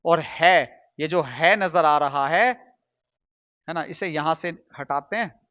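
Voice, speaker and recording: A man's voice: on the high side, takes it slowly, a bit bright, lo-fi sound. A man teaching a Hindi lesson to students, patiently drilling sounds aloud and answering his own questions. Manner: asks questions and answers them himself.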